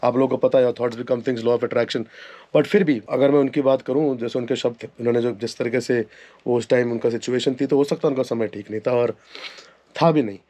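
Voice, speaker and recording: A man's voice: mid-range voice, steady tone, brisk, warm tone. Reflective man mixing Hindi and English. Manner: leading questions to his guest. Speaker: host. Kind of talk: casual chat.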